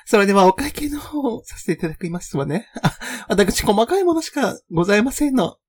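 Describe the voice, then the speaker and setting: A man's voice: high-pitched, sing-song, a little fast, breathy edge, exaggerated voice. A man co-hosting a radio show, voicing a haughty, genteel rich young lady in overly polite, elegant speech. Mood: playful. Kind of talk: comedic radio chat in character.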